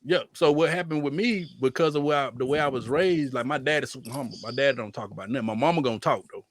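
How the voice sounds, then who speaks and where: A man's voice: quick pace, dry recording. A man, from Birmingham, Alabama, chatting animatedly as a podcast guest and telling stories with playful quoted voices. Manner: animated, jokey storytelling with raised-pitch quoted voices. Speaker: guest music producer. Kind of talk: casual podcast chat.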